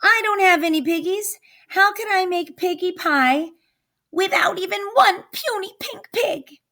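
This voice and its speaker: A woman's voice: very high-pitched, unhurried, sharp tone, voice pushed up, full character voice. A woman voicing a grouchy, greedy, hungry witch in a children's storybook, theatrical and exclamatory, with a screech in her voice. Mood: screeching frustration. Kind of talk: children's storybook read-aloud character voice.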